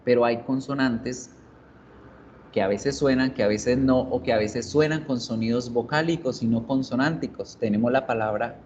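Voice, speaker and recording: A man's voice: mid-range voice, moderate pace, darkish tone, muffled recording, slight background noise. A man teaching an online English class, explaining step by step and repeating example words several times.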